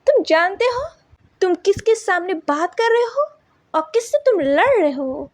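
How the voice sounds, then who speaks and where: A woman's voice: extremely high pitch, animated, measured pace. A woman voicing a rude, overprotective young male friend who mocks and sneers, in a storybook reading. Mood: sneering. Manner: mocking, sneering.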